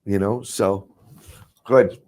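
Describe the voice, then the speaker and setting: A man's voice: fairly low pitch, steady tone, slow pace, mellow. A man teaching about ministry in casual chat, rambling with restarts and frequent chuckles.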